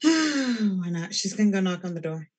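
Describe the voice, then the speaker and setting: A woman with a husky, slightly breathy voice plays a tabletop game. She describes her character's moves in a casual, plain way, at a mid pitch. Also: sing-song, normal speed, a little mellow, low-quality recording. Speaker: player. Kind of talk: tabletop role-play.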